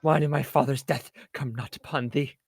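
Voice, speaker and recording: A man plays a dying young nobleman in a stage tragedy, urgent and repentant. The voice is gravelly and husky, recorded dry. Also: medium pitch, fairly even intonation, normal speed, no room sound. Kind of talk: amateur read-through of Shakespeare verse drama.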